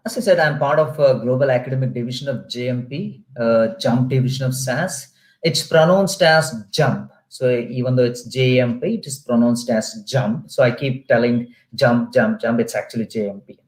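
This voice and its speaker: A man with an Indian English accent giving an online webinar lecture in a steady, explaining way with many fillers. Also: medium pitch, normal speed, reverberant. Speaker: guest lecturer. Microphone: video call.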